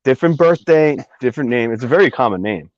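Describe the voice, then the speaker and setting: A man's voice: mid-range voice, lively intonation, quick pace, no echo. A man casually telling a long personal story, rambling with many fillers and asides. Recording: dry, slightly dull recording.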